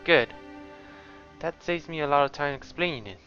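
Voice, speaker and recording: A man voicing a calm, guarded adventurer, reading game dialogue in a quiet, measured way. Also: a little high, soft background music, pitched above the performer's own voice. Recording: slightly muffled lo-fi sound.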